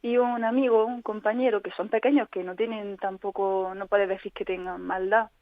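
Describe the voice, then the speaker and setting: A woman speaks as a radio interview guest, recounting her own experience in an earnest, reflective tone. Her voice sits at a middling pitch. It comes through a tinny, phone-like line with a dry sound and no room echo. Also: fairly even intonation, normal speed. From Spain. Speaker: interview guest, patient advocate. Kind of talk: personal account in a radio interview.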